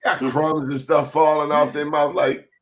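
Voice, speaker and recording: A man's voice: fairly high pitch, flat delivery, a little slow, muffled recording, crowd noise. A man hosting a talk show, telling comic stories in casual, colloquial, exclamatory chat.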